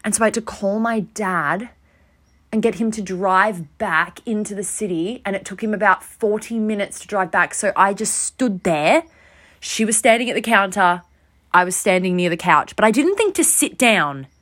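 A young woman hosting a podcast, telling a rambling, self-deprecating story in a casual, animated way. She sounds overtired. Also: mid-range voice, moderate pace. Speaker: podcast host.

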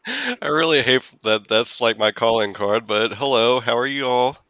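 A man's voice: medium pitch, expressive, moderate pace, fairly bright tone, no echo. A man as a podcast guest in casual chat, wry and self-mocking.

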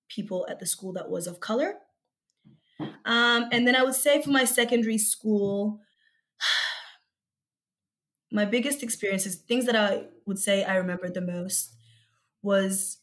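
A young woman raised in Australia, speaking as an interview guest in a reflective, thoughtful way with frequent pauses and ums. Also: mid-range voice, fairly bright tone. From born in Egypt, raised in Australia. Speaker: guest, researcher and youth activist.

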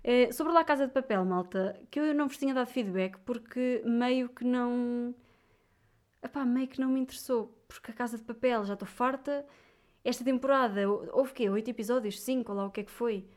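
A woman's voice: on the high side, fairly quick, a little mellow. A young woman from Viseu with a European Portuguese accent, ranting animatedly and casually to her viewers, full of little fillers. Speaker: vlogger. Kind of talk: casual chat.

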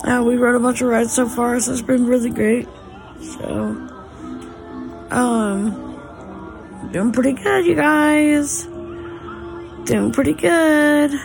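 A woman's voice: takes it slowly, creaky, pauses often, music in the background. A woman with a Southern US accent chatting casually to viewers as a family vlogger, in a drawling, folksy, encouraging way. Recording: noisy handheld recording with vehicle rumble.

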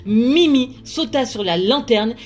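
A woman, a librarian, reading a children's storybook aloud with measured, expressive narration. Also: on the high side.

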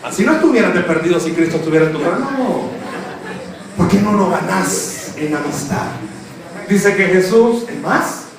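A man's voice: high voice, animated, moderate pace, distant mic. A young man, preaching a humorous youth sermon, teasing the crowd and acting out quotes. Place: church. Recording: echoey church hall, preacher off-mic, crowd behind.

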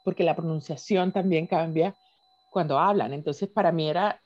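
A Venezuelan woman in casual conversation, telling stories in an animated way and laughing often. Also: low-pitched, moderate pace, no room sound, lo-fi sound.

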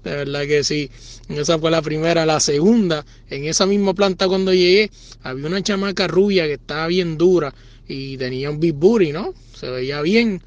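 Joking Puerto Rican man, higher voice. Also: moderate pace, no echo, muffled recording. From Puerto Rico. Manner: crude, joking, self-mocking. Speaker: podcaster sending a listener story. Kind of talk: casual storytelling.

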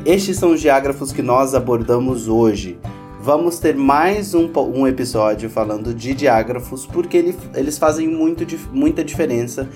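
A Portuguese-speaking man teaches English pronunciation. He speaks at a middling pitch and takes his time, saying each example word two or three times so the listener can hear it clearly. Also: normal speed, a little mellow, soft background music. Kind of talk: language lesson.

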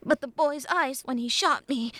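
A woman's voice: high-pitched, normal speed, a bit bright, no room sound, pitched above the performer's own voice. A woman voicing a frightened, guilt-ridden small male imp who stammers and pleads. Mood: anxious.

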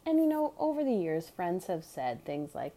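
A woman's voice: lowish voice, very animated, moderate pace, dark tone. A woman candidly telling a personal story in casual chat, blunt and chatty with sarcastic asides.

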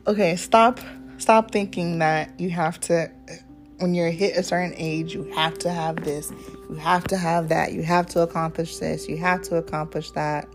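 A woman in her twenties hosting a casual faith-based podcast, talking in a relaxed, rambling way with many ums and asides. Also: lowish voice, normal speed, faint music behind. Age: 20s. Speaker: podcast host.

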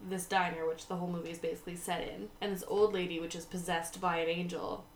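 A woman's voice: lowish voice, little pitch movement, fast talker. Young woman, rambling chatty storyteller, roomy echo, faint background noise. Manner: rambling, giggly retelling. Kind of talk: casual chat.

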